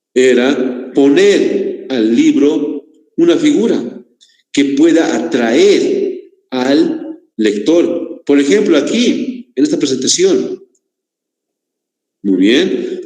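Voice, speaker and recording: A man's voice: mid-range voice, warm tone. A male teacher giving a class lecture, often asking his students rhetorical questions, with a Bolivian Spanish accent. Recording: echoey room, long reverb.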